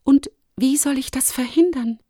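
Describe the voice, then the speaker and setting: A woman voicing Lumi, a young girl forest animal who is eager and impulsive, speaking high and urgently. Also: moderate pace, warm tone, no echo, clean studio sound. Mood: anxious.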